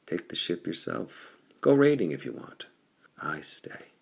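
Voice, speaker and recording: Male narrator doing a resolute pirate captain: very low, gravelly, earnest. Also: very animated, unhurried, exaggerated voice. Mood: determined. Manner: earnest, determined. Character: bold red-haired pirate chief, adult male, defiant.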